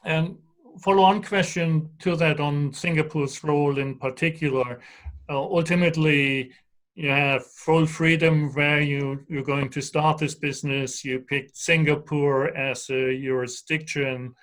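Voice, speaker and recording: A man moderating a panel discussion, brisk as he poses questions. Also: on the high side, fairly even intonation, fairly bright tone, low-quality recording.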